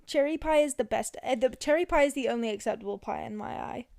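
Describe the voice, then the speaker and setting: A woman's voice: fairly high pitch, quick pace, creaky, darkish tone. A woman co-hosting a podcast, chatting casually in an easygoing way. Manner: giggly, easygoing. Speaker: podcast co-host. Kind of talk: casual chat.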